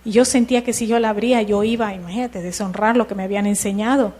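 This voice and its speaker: A middle-aged woman, telling her personal testimony in church in a lively storytelling way. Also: medium pitch, fast. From Mexico. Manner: lively storytelling, acting out dialogue. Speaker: church member giving testimony.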